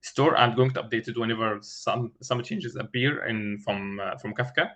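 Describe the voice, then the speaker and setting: A man explaining a technical design as an interview candidate, haltingly, searching for words with many filled pauses and repeated starts. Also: lowish voice, steady tone, fairly bright tone. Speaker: engineering candidate in a mock system design interview. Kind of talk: thinking aloud through a technical design explanation.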